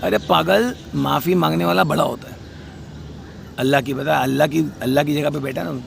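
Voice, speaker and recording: A man's voice: a little high, moderate pace, gravelly, slight background noise. A man delivering a heated, scolding rant about a family dispute, outdoors by a street. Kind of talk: angry spoken rant.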